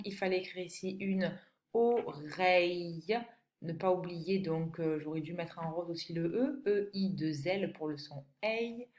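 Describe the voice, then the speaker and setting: A woman's voice: lowish voice, echoey room. A woman teaching a phonics lesson to a young child in a patient manner, speaking directly to the pupil and spelling out letters. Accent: French. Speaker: primary school teacher.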